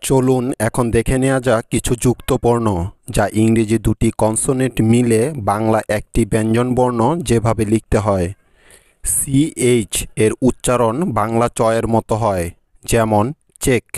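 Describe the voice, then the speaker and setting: Slow, flat-voiced male teacher. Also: mid-range voice, no echo, clean studio sound. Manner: slow, measured, spelling out sounds one by one. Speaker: English teacher. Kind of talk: scripted lesson narration.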